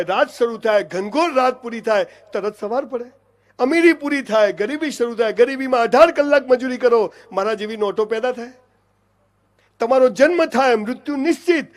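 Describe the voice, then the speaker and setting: A middle-aged man with a Gujarati accent giving an emphatic motivational speech to an audience, often calling listeners "saheb" and "boss". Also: very high-pitched. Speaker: motivational speaker.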